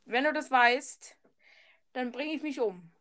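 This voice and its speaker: A woman's voice: high voice, a little slow, a bit bright. A woman chatting casually on a podcast, giggly and hesitant.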